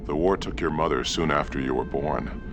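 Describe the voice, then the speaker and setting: An actor playing a grave, resolute middle-aged warship captain in a video game, speaking in a measured, commanding, solemn way. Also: male voice, a bass voice, creaky, noisy background. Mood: sorrowful, tender. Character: grave, resolute male warship captain facing his death. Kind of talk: dramatic video game acting.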